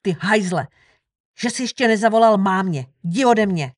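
A woman's voice: medium pitch, no room sound, clean studio sound, lightly acted. A woman reading an audiobook, voicing a hot-headed young man in a hurry who snaps at people. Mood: snappish. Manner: curt and snappish.

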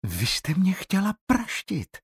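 A frightened teenage schoolgirl lost in the wet bush, as a male audiobook narrator puts her on. Her voice sits far above his own and rushes out in urgent, breathless questions. A husky grain stays under it, and the reading sounds close and dry. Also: on the high side, animated, no room sound, pitched above the performer's own voice, full character voice. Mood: startled. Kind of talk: audiobook character voice.

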